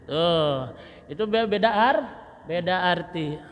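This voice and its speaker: Guy teaching quran reading, slow and bright, lots of reverb from the mosque. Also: high voice, expressive. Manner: demonstrates letter sounds, chants verses slowly, chuckles often. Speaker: ustaz teaching Quran recitation. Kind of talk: mosque study session lesson. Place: mosque hall. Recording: long reverb of a mosque hall.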